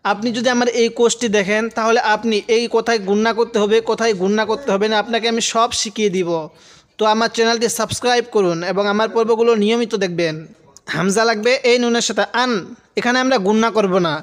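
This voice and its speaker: A man teaching Quran reading in a lesson, spelling out each word slowly and pausing for viewers to repeat after him. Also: high voice, fairly even intonation, a bit bright. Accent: Bangladeshi Bengali. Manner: slow drawn-out syllable-by-syllable recitation, then quicker plain explanation; addresses viewers directly and pauses for them to repeat.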